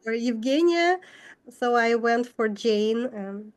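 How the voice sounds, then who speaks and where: A woman hosting an online English workshop who talks directly to her audience and asks brisk, pointed questions. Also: a little high, animated. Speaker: workshop host.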